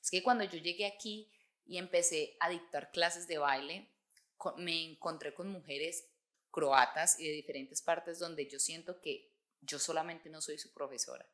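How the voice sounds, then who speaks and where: A woman's voice: sits low, fairly even intonation, unhurried, fairly bright tone. A woman in her twenties with a Colombian accent, talking expressively in a documentary interview. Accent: Colombian Spanish. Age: 20s. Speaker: football fan and dance teacher.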